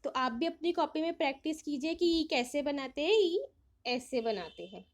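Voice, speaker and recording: High-voiced woman teaching young children. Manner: reads English lines slowly, then explains in Hindi; asks questions and answers them herself. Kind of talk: explaining a worksheet to young children.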